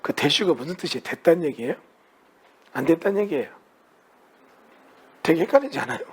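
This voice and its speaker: Teaching a real estate class, a man lectures conversationally and keeps tossing rhetorical questions to his students. His voice is fairly high and husky, brisk, with lively intonation.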